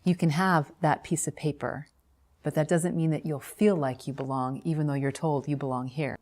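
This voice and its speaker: Low-voiced woman interviewer, formal. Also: fairly even intonation, darkish tone. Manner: measured, formal, reads names and titles. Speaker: interviewer, professor. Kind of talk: formal scripted introduction then interview questions.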